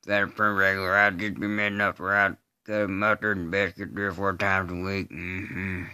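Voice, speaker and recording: In this re-enactment of a film drama scene, an amateur voice artist voices a slow-witted country man flatly and unrepentantly admitting to a killing. He speaks in a low, resonant, hard-edged Southern US drawl, matter-of-fact and flat, his halting phrases interrupted by grunted hums. The audio is smooth with no echo.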